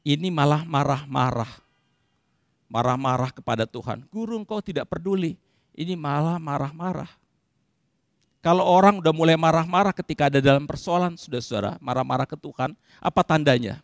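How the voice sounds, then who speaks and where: A man preaching a sermon to his congregation, addressing them directly and swinging between loud outbursts and quiet asides. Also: fairly high pitch, brisk, creaky, no room sound, clean studio sound. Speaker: pastor. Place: church service.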